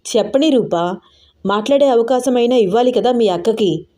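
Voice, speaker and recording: A woman's voice: on the low side, moderate pace, mellow, close to an everyday voice. A woman voicing a stern, protective young man who speaks seriously and firmly. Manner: serious, firm.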